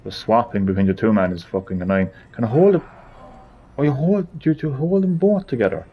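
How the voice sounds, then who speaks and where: A man's voice: medium pitch, fairly quick, phone-quality sound, a little hiss or hum. A man giving gameplay commentary, frustrated, swearing and muttering to himself as he plays. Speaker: gamer.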